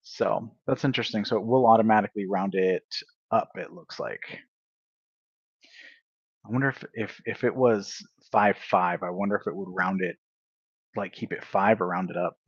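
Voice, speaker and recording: Brief: low-pitched male tutor, unhurried think-aloud delivery, dry lo-fi stream audio. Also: steady tone, breathy edge, no room sound. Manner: unhurried, thinks aloud, self-correcting with fillers. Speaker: tutor livestreaming a study session. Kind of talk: casual thinking-aloud coding walkthrough.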